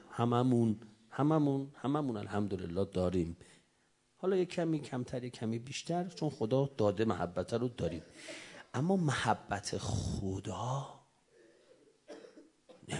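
Impassioned man preaching a sermon. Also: medium pitch. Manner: impassioned, swinging between loud urging and soft whispers. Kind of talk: religious sermon to young retreat participants.

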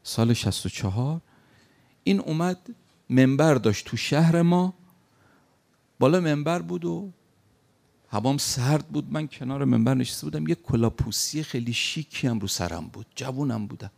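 A man's voice: medium pitch, expressive, gravelly, a little mellow. A man preaching a sermon, telling a story in an emphatic way and acting out the lines of the people in it. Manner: recounts an anecdote with acted quotes, emphatic.

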